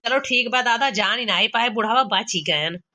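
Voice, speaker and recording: In amateur cartoon comedy acting, a woman voices a young village daughter-in-law with a sharp, high, Awadhi-accented voice at normal speed. The character is exasperated, embarrassed, gossipy and scolding, sounding flustered and evasive as she complains dramatically in colloquial speech.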